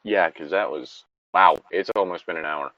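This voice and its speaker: Reading a story aloud as co-host, this man keeps wandering into tangents and exasperated, sweary asides. His voice sits low and moves at normal speed. The recording is dry and comes through a dull lo-fi microphone.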